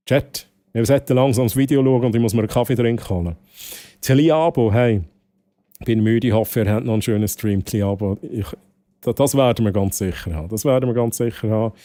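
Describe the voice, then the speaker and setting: Speaking briskly in a dark, mid-range voice, a Swiss man with a Swiss German accent hangs out with his game stream's viewers. His chat is casual and rambling, full of repeated phrases and the occasional English word.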